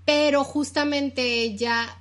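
A woman's voice: sits high, fairly even intonation, takes it slowly. A woman in her thirties with a Mexican accent, co-hosting a casual chat and explaining ideas at length with frequent restarts. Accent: Mexican Spanish. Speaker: podcast co-host.

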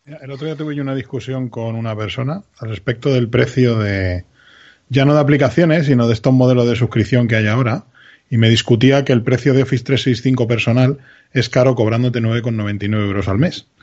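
Fast-talking indignant man. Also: medium pitch, a little mellow, lo-fi sound. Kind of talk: casual tech podcast chat.

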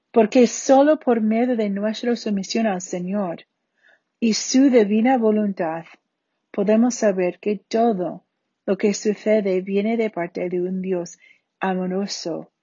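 A woman from Spain, giving an earnest Bible study talk in a slow, deliberate way. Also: medium pitch, mellow, dry recording. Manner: slow, deliberate, earnest delivery with falling phrase ends. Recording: dull muffled recording.

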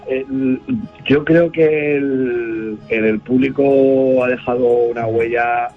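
A man's voice: medium pitch, fairly even intonation, slow, soft background music. A man, chatting casually in a radio interview with many fillers and restarts. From Spain, La Mancha. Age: 30s. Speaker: DJ and festival ambassador. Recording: muffled radio broadcast.

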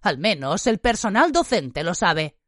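A woman reading an audiobook, voicing a calm, weary adult male teacher who speaks slowly and in a hushed, measured way. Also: lowish voice, no echo, studio quality, heavily acted.

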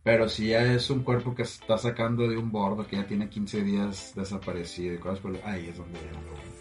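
A man, chatting casually as a podcast guest, relaxed and talkative. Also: lowish voice, a little fast, far from the mic, soft background music. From Mexico. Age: 20s. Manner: relaxed, chatty, frequent "así es". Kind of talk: casual conversation.

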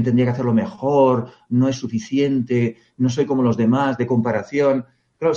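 A man working as a coach, talking calmly and reflectively as an interview guest and explaining with rhetorical questions. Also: medium pitch, muffled recording.

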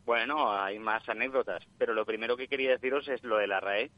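A man calling in to a show over the phone, telling anecdotes in an unhurried, chatty way. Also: mid-range voice. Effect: heard over the phone. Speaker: caller. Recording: muffled phone line.

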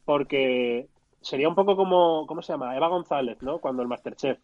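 A man from in a casual chat, relaxed and teasing, repeating words. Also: on the high side, fairly quick, no echo, phone-quality sound.

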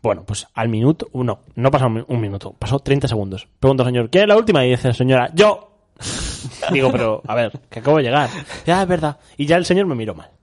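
A man's voice: medium pitch, fast, a little mellow. Young man from Spain, casual chat, rambling storyteller, mid voice. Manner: rambling anecdotes, frequent restarts, laughs.

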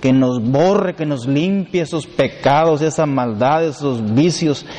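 This sermon comes from a priest whose fairly high, darkish voice moves a little slowly. He stacks up emphatic lists and repeats them, adding humorous storytelling asides. The sound carries a long hall echo over faint background noise.

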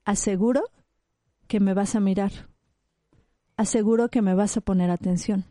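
Woman expert explaining things, very dark mellow voice, dry close sound. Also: medium pitch, normal speed, dry recording. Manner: animated, explains with acted-out examples. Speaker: psychologist guest. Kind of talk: conversational expert interview.

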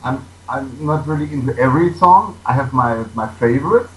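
A man's voice: mid-range voice, normal speed, fairly bright tone. A man speaking non-native English as a musician being interviewed, casually answering in simple, repetitive phrasing. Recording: echoey room with background noise.

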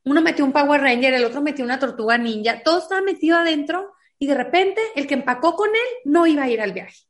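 A woman's voice: high-pitched, expressive, fast talker. A woman, earnestly telling a personal story as an interview guest and acting out the dialogue she recalls. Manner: earnest, acts out quoted dialogue. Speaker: guest, foundation founder.

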